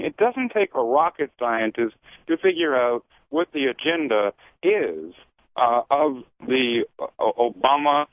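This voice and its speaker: A man's voice: medium pitch, dry recording. A man giving impassioned, emphatic and indignant commentary on a political talk radio show. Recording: tinny dry phone line.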